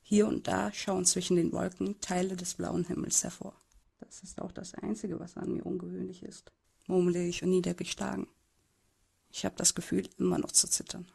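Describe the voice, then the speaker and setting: A woman's voice: lowish voice, level tone, normal speed, creaky, dark tone, breathy edge, exaggerated voice. A woman voicing a timid, bullied teenage boy who narrates his own story in an amateur audio drama, in a hesitant, subdued way.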